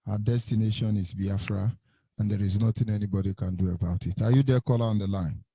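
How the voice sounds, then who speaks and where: A man's voice: fairly low pitch, fairly even intonation, fast talker, warm tone, husky, no room sound. A man with a Nigerian accent hosting a live radio call-in show. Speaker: radio phone-in host.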